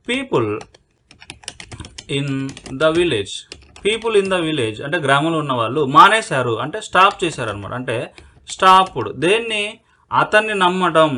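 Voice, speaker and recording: A man with a bright, ringing voice teaches an English lesson, breaking each sentence into single words and stopping to ask himself what the subject is. His pitch rises and falls a lot, and he slows right down when he reads out whole sentences. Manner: explains word by word, asks and answers his own questions; dictates English sentences very slowly. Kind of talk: spoken English lesson in Telugu.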